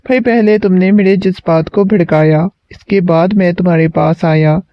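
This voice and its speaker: A man reading the lines of a gentle, teasing young husband, on a dull lo-fi recording. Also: sits high, steady tone, dry recording.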